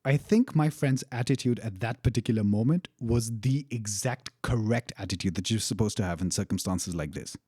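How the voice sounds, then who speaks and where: A man's voice: lowish voice, normal speed, hardly any pauses, mellow, slightly rough, no room sound. A young man casually telling a personal story, candid and profane, laughing now and then. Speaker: storyteller recounting a travel experience.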